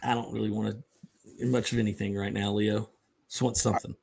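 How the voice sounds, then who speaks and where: A man's voice: lowish voice, little pitch movement, brisk, gravelly, darkish tone, slight background noise. A man co-hosting a podcast, trading dry, teasing banter in casual chat. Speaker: podcast co-host.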